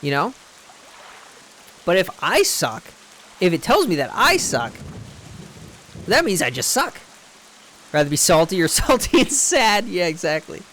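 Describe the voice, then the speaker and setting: A man's voice: sits high, wildly swooping pitch, unhurried, pauses often, fairly bright tone, slight background noise. A young man streaming a game, rambling in casual chat and swearing freely. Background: game music.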